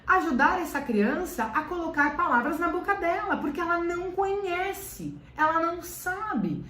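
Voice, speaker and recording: A high-pitched woman with a Brazilian Portuguese accent talks to parents like a teacher giving a lesson. She repeats phrases for emphasis. Her voice reaches the mic from a distance in a room with a lot of echo. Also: lively intonation, moderate pace, pushed and bright. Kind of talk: educational talk to parents.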